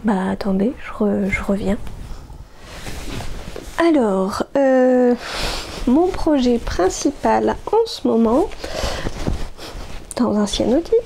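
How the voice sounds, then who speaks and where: Lady crafting podcast host, bit high voice, lots of euh and restarts. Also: animated, slow, vocal fry, long pauses, dark tone, a little hiss or hum. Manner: hesitant, many fillers and self-corrections. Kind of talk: casual chat showing knitting projects.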